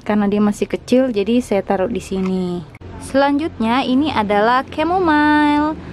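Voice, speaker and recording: A woman's voice: fairly high pitch, moderate pace, darkish tone, slight background noise. A young woman narrating a casual tour of her rooftop garden, chatty and enthusiastic as she explains each plant. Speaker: vlogger, home gardener.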